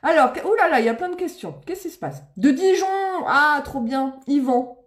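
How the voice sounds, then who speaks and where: Bubbly high-voiced woman live-streaming makeup. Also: expressive, normal speed. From Seine-et-Marne, France. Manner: bubbly, exclamatory, laughs often. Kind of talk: chatty live-stream talk to followers. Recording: echoey room.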